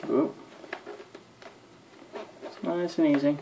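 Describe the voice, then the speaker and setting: A young man vlogging from a small bedroom shows off toys to the camera in a casual, rambling, tired manner, speaking slowly in a slightly high, steady voice with vocal fry. His phone or camera is at arm's length, and faint noise and clicks come through on the mobile recording.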